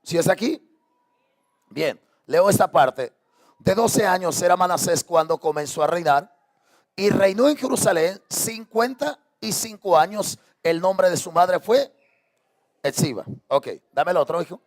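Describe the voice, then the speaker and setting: A man's voice: high voice, lively intonation, measured pace. A man preaching a sermon as pastor, impassioned, throwing out repeated rhetorical questions to his congregation. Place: church sanctuary.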